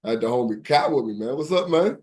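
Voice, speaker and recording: Mellow laid-back male podcast host. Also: medium pitch, animated, fairly quick. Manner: laid-back, repeats "okay, okay", street slang. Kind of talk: casual interview.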